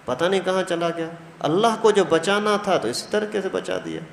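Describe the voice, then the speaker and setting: A man's voice: sits high, vocal fry, pitched above the performer's own voice. A man playing a bewildered soothsayer who, puzzled, speaks in a raised voice in a sermon story. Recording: echoey mosque hall, faint noise.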